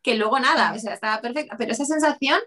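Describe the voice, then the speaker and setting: Fast-talking woman telling a story. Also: fairly high pitch, sharp tone. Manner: rapid, rambling, full of "o sea" restarts. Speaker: interview guest. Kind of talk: personal storytelling in conversation.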